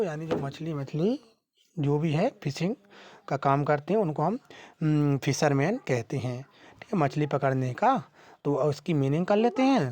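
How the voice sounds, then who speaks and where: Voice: medium pitch, darkish tone. An English teacher giving a vocabulary lesson, posing questions and answering them, spelling words out letter by letter, with frequent "hmm" and "theek hai" fillers. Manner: asks and answers its own questions.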